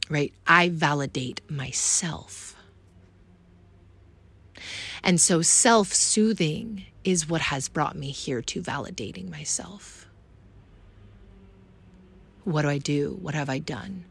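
A woman's voice: deep voice, creaky, a bit bright, breathy edge. A woman hosting a podcast from home, speaking in an earnest, reflective way and often addressing listeners directly as "you guys.". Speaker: podcast host. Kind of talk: casual self-help talk.

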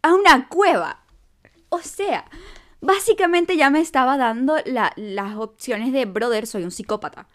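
A young woman telling a storytime to camera in an animated, self-mocking way. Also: on the high side, measured pace. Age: young adult. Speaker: vlogger.

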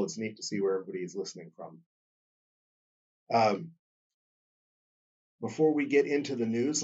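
A man hosting his own podcast in a casual, chatty way, his voice jumping up and down in pitch and loudness, with many fillers. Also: husky, far from the mic, muffled recording. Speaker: podcast host. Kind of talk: casual solo podcast talk.

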